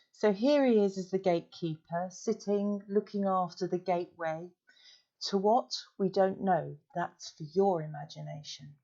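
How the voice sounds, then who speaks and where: Animated woman telling a story. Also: lowish voice, dull audio. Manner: lively storyteller, animated, self-deprecating. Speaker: art vlog host. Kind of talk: chatty anecdote and painting demo. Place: room at home. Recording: roomy echo, mic at a distance.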